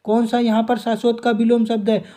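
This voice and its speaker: A man's voice: very high-pitched, completely flat delivery, a little fast, dark tone. A young man teaching an exam revision lesson, reading out quiz questions and options and then giving each answer, often addressing listeners as friends.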